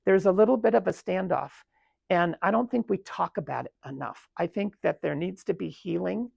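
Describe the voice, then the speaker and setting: A woman in her seventies with a gravelly, husky voice talks through her working life at a retirement community. She is reflective and pauses often on ums and restarts. The sound is close and dry. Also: lowish voice, darkish tone, no room sound, highs cut off. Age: 70s. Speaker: interviewee. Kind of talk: recounting her career.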